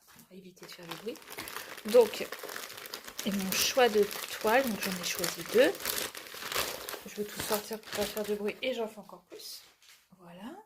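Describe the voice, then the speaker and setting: A woman with a stuffy nose from a cold, chatting casually through a craft unboxing and often dropping to a soft murmur. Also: medium pitch, noisy background. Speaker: cross-stitch vlogger.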